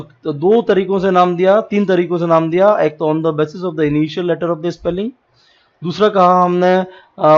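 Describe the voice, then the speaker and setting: A male teacher with a North Indian accent lecturing in a classroom style, mixing in English terms and spelling letters out one by one. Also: fairly high pitch. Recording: dull lo-fi recording.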